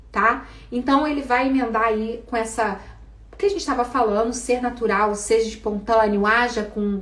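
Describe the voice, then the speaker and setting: Brief: Brazilian woman coaching a class on speaking, fairly high voice, lively, recorded roomy from off the mic. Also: recorded from a distance. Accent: Brazilian Portuguese. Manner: lively, asks the class questions. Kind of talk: live online class.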